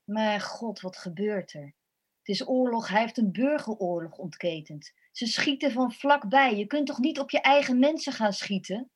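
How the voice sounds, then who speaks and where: A woman's voice: fairly high pitch, moderate pace, husky. An actress playing a distraught female opposition figure making an urgent plea to the world. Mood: pleading. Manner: urgent, pleading.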